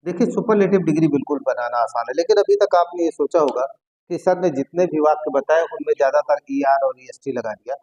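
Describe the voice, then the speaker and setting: A man teaching an English grammar lesson, often repeating key words slowly as he writes them on the board. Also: fairly high pitch, mellow, lo-fi sound.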